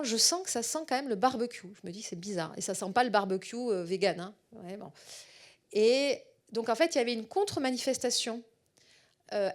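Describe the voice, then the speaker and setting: A middle-aged woman researcher giving a public lecture in a southwestern French accent. She speaks at a medium pitch for a woman. Her talk keeps stopping on fillers and repeated little words as she searches for the next phrase.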